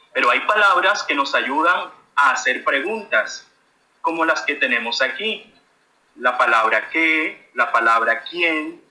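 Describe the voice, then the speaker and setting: A man's voice: fairly high pitch, sharp tone, reverberant, low-quality recording. A man giving a friendly grammar lesson to children and asking them questions. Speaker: teacher.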